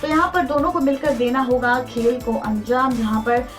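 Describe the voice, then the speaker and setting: This woman reads entertainment news at a moderate pace, her Indian-accented voice pitched fairly high. The scripted narration sounds emphatic and dramatic, in the style of a TV serial update teaser, with faint music underneath.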